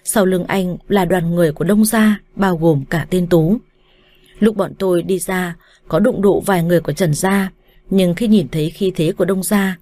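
Woman, audiobook narrator, first-person story reading, low voice, mellow tone, calm measured delivery.

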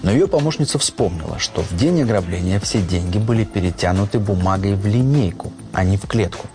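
A man narrates a scripted crime story in a fairly low voice. Music plays clearly underneath his narration. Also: expressive, fairly quick.

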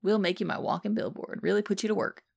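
A woman's voice: medium pitch, steady tone, fast, creaky, a little mellow, breathy edge. Woman reading a playful teasing baker husband.

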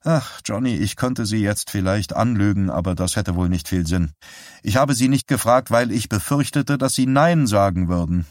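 A man voicing an older male doctor who talks in an earnest, halting, apologetic way. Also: lowish voice, a little mellow, dry recording, clean studio sound, natural voice. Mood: earnest, troubled.

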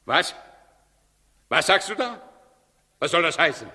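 A man's voice: on the high side, very animated, a little slow, sharp tone, full character voice. An actor playing an imperious, suspicious, easily enraged king in a 1960s radio drama, with a commanding, agitated manner. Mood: outraged, commanding. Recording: 1960s radio recording, long hall reverb.

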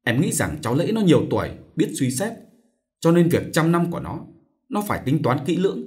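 A man's voice: on the high side, big pitch swings, brisk, a little mellow, pitched above the performer's own voice. A man doing a coaxing village aunt. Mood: gentle. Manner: soothing, coaxing. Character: gentle persuasive middle-aged village aunt.

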